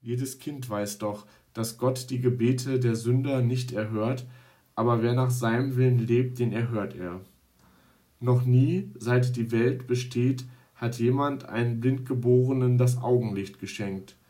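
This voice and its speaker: A man's voice: medium pitch, steady tone, measured pace, mellow, natural voice. A man reading as an indignant healed blind man. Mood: insistent.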